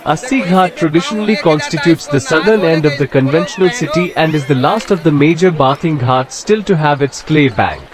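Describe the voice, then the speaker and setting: A man's voice: a little high, fairly quick, few pauses, a crowd in the background. Man narrating a travel voice-over. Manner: even, informative guidebook delivery. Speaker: travel vlogger.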